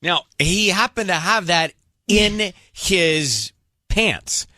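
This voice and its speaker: Male radio host, slightly high voice, dry studio sound, firm and steady when pressing a caller. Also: takes it slowly, no room sound. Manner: calm, firm, pressing questions. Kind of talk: radio call-in segment hosting.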